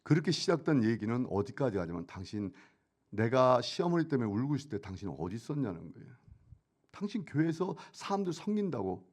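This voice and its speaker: A middle-aged man stands as a church elder and gives his testimony in a very lively, rising and falling voice. He jumps from loud, pressing bursts to hushed asides. He often asks a question and answers it himself. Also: medium pitch, a little fast. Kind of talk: testimony sermon.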